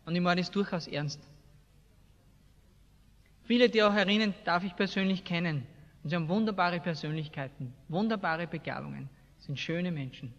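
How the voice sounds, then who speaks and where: The recording is muffled and the large hall echoes with long reverb as an Austrian-accented man gives a colloquial evangelical sermon to a seated congregation. His high, slightly bright voice rings out at a moderate pace with frequent pauses, and his everyday-speech delivery is blunt and emphatic, often posing rhetorical questions to listeners.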